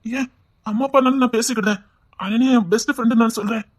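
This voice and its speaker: A man with a Tirunelveli Tamil accent, playing a scheming young man who talks softly and wheedles. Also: very high-pitched, fairly even intonation, fast talker. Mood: wheedling. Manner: soft wheedling voice that turns mocking. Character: scheming young man, fake-tearful, later cold and harsh. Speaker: actor in a skit. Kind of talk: melodramatic skit acting.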